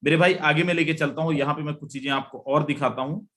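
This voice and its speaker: During a live online webinar, a man gives an emphatic, repetitive sales pitch, his voice rising each time he says "my friend" to call out to the audience. His tone is steady and fairly bright, and he talks quickly.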